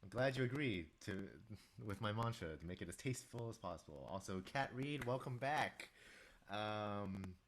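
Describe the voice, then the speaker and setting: A man with a lowish, expressive voice speaks at a moderate pace as he makes music for a live audience. Despite a stuffy nose and sore throat, he's chatty, addressing viewers and reading their messages aloud.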